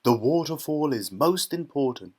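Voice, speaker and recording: A man's voice: on the high side, lively intonation, normal speed, a little mellow, pitched above the performer's own voice. Man acting exuberant Willy Wonka, eccentric storybook showman. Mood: gleeful showing off. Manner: exuberant, showman-like, emphatic repetition. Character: flamboyant, excitable eccentric chocolate factory owner showing off wonders. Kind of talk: children's storybook character voice.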